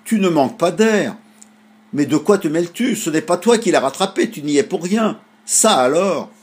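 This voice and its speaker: A man voicing a spirited little girl in a storybook, with a husky voice and an eager, protesting manner. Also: mid-range voice, expressive, normal speed, a little mellow, voice pushed up. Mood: indignant.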